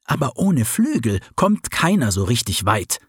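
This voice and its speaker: A man's voice: mid-range voice, sing-song, a little slow, fairly bright tone, breathy edge, dry recording, clean studio sound, exaggerated voice. A man voicing a restless, self-doubting young fox in a storybook reading. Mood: questioning.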